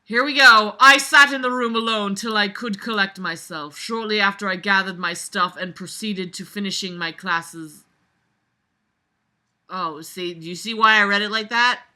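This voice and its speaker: A mid-range, bright and forceful female voice at a moderate pace belongs to a host reading a book aloud and critiquing it. Her remarks are casual and sarcastic, the readings mocking, and she's blunt, exasperated and swears freely.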